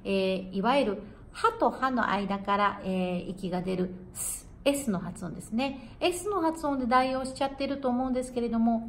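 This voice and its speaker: Woman, pronunciation lesson, jazz singer and coach, encouraging, repeats words as examples, somewhat high voice. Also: a little hiss or hum. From Japan. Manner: friendly, encouraging teacher who demonstrates sounds by repeating words.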